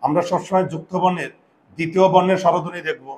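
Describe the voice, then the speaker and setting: A man teaching a grammar lesson slowly and patiently, repeating words and asking his students questions. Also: high-pitched, fairly even intonation, slight background noise, low-quality recording.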